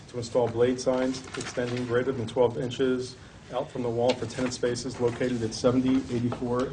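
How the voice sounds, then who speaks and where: A man chairs a public hearing, reading out formal notices in a level, even tone that barely moves. He sounds steady and procedural, caught on a table mic in a hearing room with a constant hiss of background noise behind him. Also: medium pitch. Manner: steady, procedural, monotone delivery. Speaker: board chairman. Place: town board hearing room.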